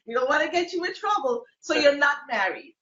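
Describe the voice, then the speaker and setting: A woman's voice: high-pitched, lively intonation, fairly quick, a bit bright. A woman hosting a casual talk show, teasing her guests and laughing often. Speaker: host. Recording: lo-fi, roomy sound.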